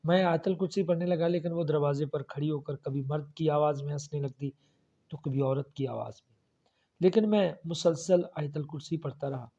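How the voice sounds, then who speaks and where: Brief: male horror narrator, tense first-person storytelling, a bit high, muffled lo-fi audio. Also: mellow. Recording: dull lo-fi audio.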